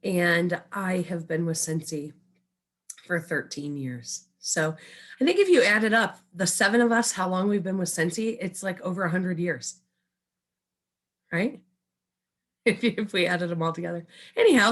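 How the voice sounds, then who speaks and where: A woman's voice: lowish voice, lively intonation, measured pace, a bit bright. A woman from Michigan on a video-call panel, bubbly and friendly.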